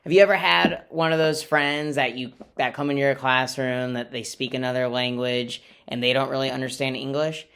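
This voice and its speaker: A man's voice: mid-range voice, steady tone, normal speed, gravelly, few pauses, a bit bright, clear, resonant tone. A man, a teacher, reading a picture book aloud to children in a friendly, explaining way. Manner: friendly, explains to kids, playful sound effects.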